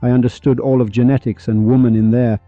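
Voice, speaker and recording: A man with a very dark, mellow voice hosts a monologue podcast with dramatic, repetitive storytelling and rhetorical questions. The recording sounds slightly dull and lo-fi. Faint music plays beneath him. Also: medium pitch, level tone, quick pace, no room sound. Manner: rhetorical, preachy, repeats for effect. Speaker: podcast host.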